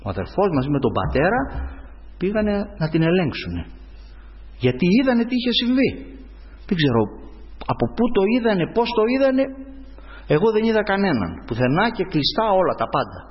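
A man preaching a sermon, telling a personal story and often calling his listeners brothers. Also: long pauses. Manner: animated storytelling, swings up in pitch. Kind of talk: sermon testimony. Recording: dull sound in a hall with long reverb.

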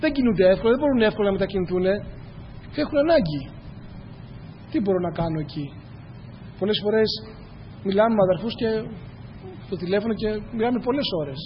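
A man's voice: high voice, animated, long pauses, slight background noise. A man preaching a church sermon, earnest and repetitive, speaking straight to his congregation. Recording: echoey hall, dull lo-fi sound.

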